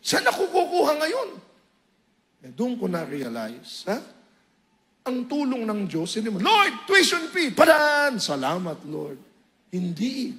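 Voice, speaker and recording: Male preacher, very high-pitched, animated storytelling testimony with loud emotional peaks. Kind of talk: sermon testimony.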